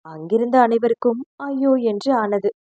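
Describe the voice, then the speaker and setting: A woman narrating a novel aloud in a steady, expressive storytelling voice. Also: a little high, normal speed, no echo. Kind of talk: dramatic audiobook narration.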